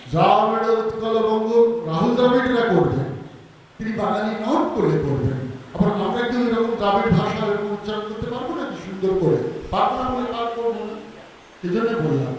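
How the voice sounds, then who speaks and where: High-voiced man teaching in an echoey hall. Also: animated, moderate pace, pauses often, distant mic, slight background noise. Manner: explains word by word, breaks into singing to show pronunciation. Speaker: workshop teacher. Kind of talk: teaching talk to students, with sung examples.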